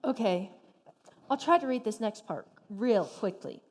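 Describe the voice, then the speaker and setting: A woman's voice: medium pitch, very animated, a little slow, darkish tone. A woman narrating a fairy tale in a stage play, with a patient but exasperated storytelling manner. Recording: stage in a reverberant hall with music.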